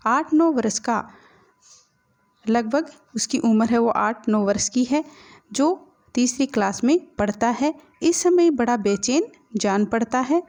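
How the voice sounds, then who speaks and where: A woman's voice: fairly high pitch, darkish tone. A woman teacher reading a school play aloud and explaining it line by line. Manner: reads lines aloud then explains them plainly.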